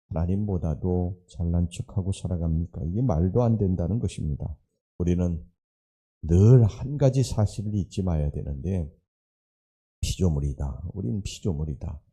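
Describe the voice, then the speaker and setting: Low, dark-voiced man preaching. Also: husky. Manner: rhetorical questions, earnest exhortation. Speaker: pastor. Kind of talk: dawn sermon.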